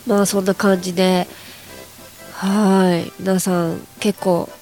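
A woman's voice: fairly low pitch, little pitch movement, slow pace, a little mellow, faint music behind. A young woman hosting a chatty solo radio show, her voice nasal and stuffed up from hay fever, rambling casually to her listeners. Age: young adult. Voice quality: nasal, congested.

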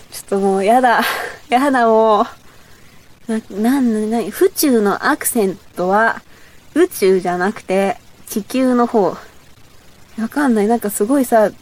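A woman's voice: medium pitch, darkish tone. A young woman from Chiba with a Boso dialect, hosting a casual solo talk show, reading out her old memos in a rambling, self-mocking way. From Chiba, Boso area. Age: young adult. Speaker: radio show host.

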